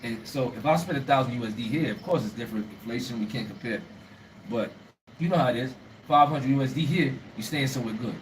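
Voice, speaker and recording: A young man with a New York accent, chatting in a casual interview, animated and emphatic, repeating himself as he makes his points. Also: mid-range voice, fast. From United States (born in Brooklyn to Liberian parents). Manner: animated, emphatic, laughs often, repeats words. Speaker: guest, travel show creator. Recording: distant mic with faint ambient noise.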